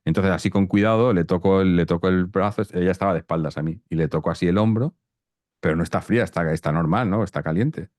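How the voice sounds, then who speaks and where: A man with a very low, deep voice tells a long personal story as an interview guest. He speaks haltingly, restarting phrases and repeating words. The sound is close and dry, with no room echo. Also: a little mellow.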